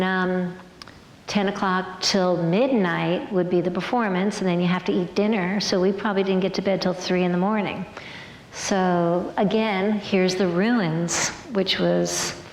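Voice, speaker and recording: An older woman, a former ballerina, telling stories on stage in a big hall, acting out quotes and dropping to whispers. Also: mid-range voice. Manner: lively, acts out quotes, drops to whispers. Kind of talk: stage storytelling show. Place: large arts hall, live audience. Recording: echoey hall with long reverb and faint music.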